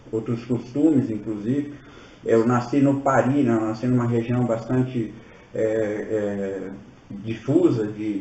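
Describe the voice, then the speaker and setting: A mellow-voiced Brazilian man in his sixties tells stories in a loose, chatty way, tossing tag questions at his listeners as he goes. He sounds set back from the microphone in an echoey room, and the recording is slightly dull. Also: mid-range voice. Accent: Brazilian Portuguese. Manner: chatty and storytelling, often ending with tag questions. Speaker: spiritual teacher presenting his course. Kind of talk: informal workshop talk. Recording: roomy, distant, dull-sounding.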